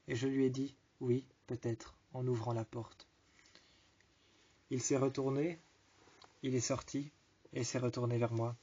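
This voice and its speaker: A man telling a first-person story, restating each line in slow, repetitive phrasing. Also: medium pitch, warm tone, slightly rough. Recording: dull lo-fi recording.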